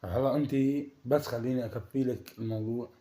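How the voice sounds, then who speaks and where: A man talking evasively and coaxing his wife to calm down. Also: mid-range voice, fast, roomy sound. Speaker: husband pulling a prank. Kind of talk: prank conversation.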